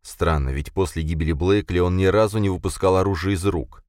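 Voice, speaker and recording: A man narrating a thriller audiobook in an expressive, tense reading. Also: low voice, a little fast, dry recording, clean studio sound.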